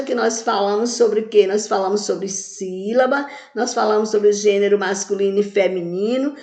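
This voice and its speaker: A woman's voice: on the high side, darkish tone, roomy sound. A woman teaching children in a recorded video lesson, asking questions and answering them herself while stretching words out syllable by syllable. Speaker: primary school teacher.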